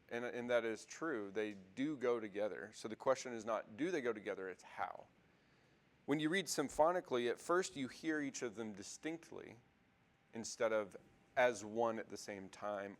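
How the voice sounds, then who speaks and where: Casual male Bible teacher lecturing a class. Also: medium pitch. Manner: conversational, many fillers and restarts, asks the class questions.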